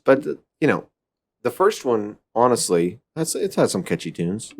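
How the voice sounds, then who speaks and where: A man co-hosting a podcast, talking casually in a halting way, with many restarts and fillers. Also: medium pitch, very animated, slight background noise. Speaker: podcast co-host. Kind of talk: casual chat.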